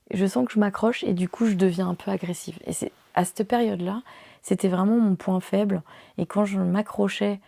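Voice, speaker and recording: A woman's voice: mid-range voice, vocal fry, dark tone, no echo, studio quality. A French woman hosting a podcast, candidly telling a personal story in a chatty way, full of fillers. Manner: candid, conversational, many fillers. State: unwell. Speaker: podcast host.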